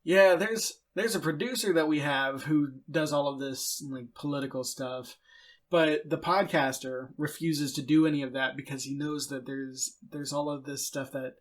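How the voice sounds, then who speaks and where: A man's voice: a little high, steady tone, moderate pace. A man hosting a podcast, interviewing a guest in a casual, rambling conversational way.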